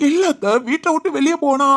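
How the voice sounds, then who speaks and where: A woman's voice: sits high, fast, roomy sound, voice pushed down. A woman doing a stammering young husband. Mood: sheepish. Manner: stammering, hesitant. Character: young husband, sheepish and cornered. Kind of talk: animated family drama voice acting.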